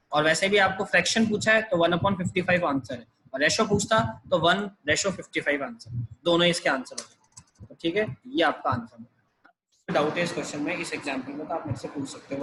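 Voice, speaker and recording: Bright high-voiced male math teacher. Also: slight background noise, rough recording. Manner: patient, explains step by step. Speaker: online class teacher. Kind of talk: online math lesson. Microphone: video call.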